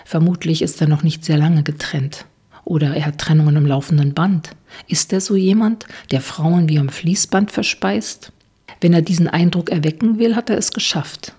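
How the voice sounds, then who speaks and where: A woman reads a novel aloud in calm, measured narration. Her voice is low, breathy and a little husky. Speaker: audiobook narrator. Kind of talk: scripted narration.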